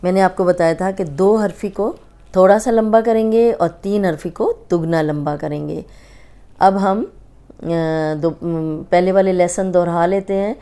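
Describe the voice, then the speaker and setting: A woman's voice: on the low side, warm tone. Patient woman teaching letter sounds. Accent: Pakistani Urdu. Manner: patient, drawn-out letter recitation and explanation. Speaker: Quran reading teacher. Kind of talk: slow instructive lesson.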